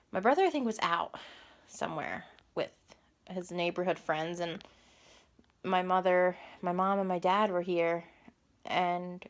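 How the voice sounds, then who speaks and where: A woman telling a casual storytime vlog into a phone camera, rambling and correcting herself as she goes. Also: lowish voice. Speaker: vlogger.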